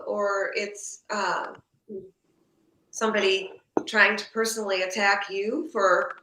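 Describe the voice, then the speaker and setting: A woman with a slight lisp, like someone wearing a retainer, talks reflectively and haltingly, searching for her words in an unscripted discussion. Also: medium pitch, bright, forceful tone. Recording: echoey, roomy sound.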